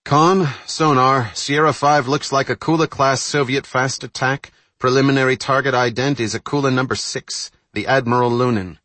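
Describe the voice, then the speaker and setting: A man's voice: mid-range voice, steady tone, normal speed, few pauses, pushed and bright, no echo, pitched above the performer's own voice. A man voicing a sonar operator through a rattling speaker. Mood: clipped report. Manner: crisp clipped naval reports. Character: male submarine sonar operator over a rattling intercom speaker. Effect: through a rattling bulkhead speaker. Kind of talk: audiobook narration.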